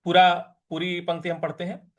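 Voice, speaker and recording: A man teaching Sanskrit verse recitation, chanting lines slowly and then explaining pronunciation quickly. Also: high-pitched, completely flat delivery, fairly bright tone. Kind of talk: recitation lesson.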